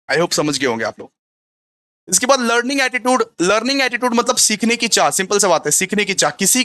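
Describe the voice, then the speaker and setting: A man's voice: sits high, bright, forceful tone, no echo. A man teaching a commerce revision lecture. He repeats points and keeps asking the class questions that he then answers himself. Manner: repetitive, asks the class rhetorical questions and answers them himself. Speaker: commerce tutor.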